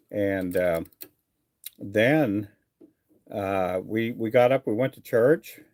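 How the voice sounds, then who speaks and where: On his fishing livestream, a middle-aged man from Texas reads viewer comments and responds in an easygoing, meandering way, using many fillers. His pitch is fairly low and slightly mellow, and the audio has no echo.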